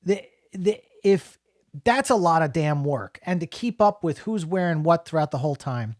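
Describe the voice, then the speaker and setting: A man's voice: on the high side, expressive, normal speed, darkish tone, dry recording, studio quality. Rambling man reviewing a film. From New Jersey. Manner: rambling, lots of fillers and restarts. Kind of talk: casual spoken review.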